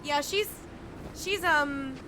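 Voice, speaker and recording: A young woman streams a video game, offering playful, chatty live commentary in a high-pitched voice at a slow pace. Loud game music and combat sounds play behind her, adding background noise.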